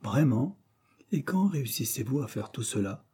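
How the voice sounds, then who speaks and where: A man doing a kindly, thoughtful gentleman. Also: mid-range voice, big pitch swings, moderate pace, slightly rough. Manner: gentle, half-serious.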